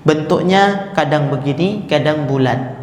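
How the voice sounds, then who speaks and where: Man teaching quran letters slow and patient, roomy echo all around. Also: fairly high pitch, darkish tone. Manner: slow, patient, demonstrating sounds repeatedly. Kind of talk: tahsin lesson on letter articulation. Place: mosque.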